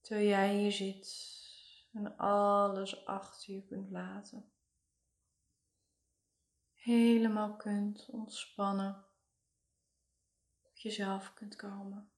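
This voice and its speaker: Woman, guided meditation, soothing and hushed, flat gentle intonation, roomy echo. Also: mid-range voice, slow, long pauses. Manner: soothing, hushed, lingering delivery.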